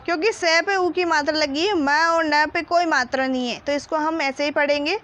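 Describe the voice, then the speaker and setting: A woman's voice: sits high, moderate pace, a bit bright. A woman teaching a children's Hindi reading lesson, patiently spelling out each syllable and blending them into words.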